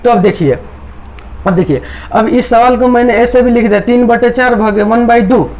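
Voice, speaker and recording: Man, maths teacher, high pitch, repetitive step-by-step explaining. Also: moderate pace, a little mellow. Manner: repetitive, explains step by step, voices students' doubts. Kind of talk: chalkboard maths lesson.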